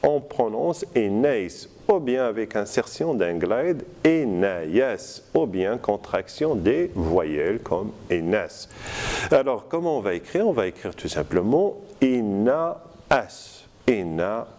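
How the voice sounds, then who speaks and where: A man giving a university lecture, slow and deliberate, with many hesitations. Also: fairly low pitch, big pitch swings, warm tone.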